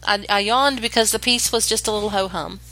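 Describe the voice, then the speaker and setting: A woman co-hosting a podcast in casual chat, talkative and opinionated, quick with a joke. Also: medium pitch, pushed and bright, slight background noise, rough recording. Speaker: podcast co-host.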